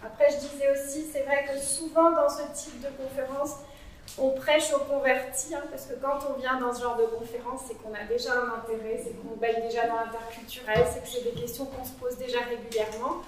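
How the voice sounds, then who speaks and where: A psychologist, female, speaks in a high, level voice and a little quickly to a small audience in a cool meeting room, interactive and conversational with frequent "euh"s during a conference talk. She is away from the microphone, so her voice sounds far off in a very echoey room with slight background noise.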